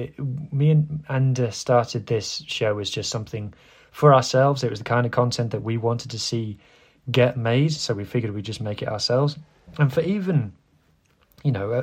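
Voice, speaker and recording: A man presents a casual sports news podcast on his own. His voice sits at a medium pitch and he talks in an informal, chatty manner, with a self-deprecating streak as host. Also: a little mellow.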